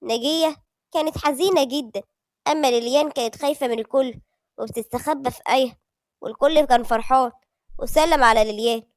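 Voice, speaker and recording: A woman with an Egyptian accent narrating a story in a brisk, friendly way. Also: high voice, no echo, studio quality. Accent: Egyptian Arabic. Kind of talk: scripted narration.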